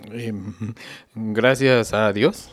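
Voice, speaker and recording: A man's voice: on the low side, extremely slow. A man playing a jealous boyfriend who threw the party, indignant and sputtering, with nervous laughs. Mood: sheepish.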